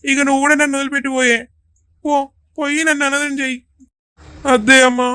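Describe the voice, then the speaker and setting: A woman's voice: sits high, little pitch movement, quick pace, bright, forceful tone, dry recording. A woman voicing a devoted young village son in a cartoon, pleading with his mother. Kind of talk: Telugu cartoon dubbing.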